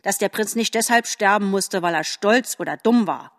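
A woman's voice: medium pitch, moderate pace, in a large hall, close to an everyday voice. A woman voicing a bitter, gloomy crow in a storybook, speaking scornfully.

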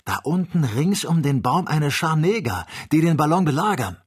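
A man reading an audiobook, voicing an excitable young male servant who talks eagerly and anxiously. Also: mid-range voice, normal speed, husky, voice pushed up. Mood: alarmed. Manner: eager, worried, bursting with excitement. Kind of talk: audiobook character voice.

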